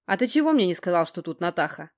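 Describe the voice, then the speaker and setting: A woman voicing a brash young man who jokes loudly and coaxes. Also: lowish voice, sing-song, fast. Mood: joking.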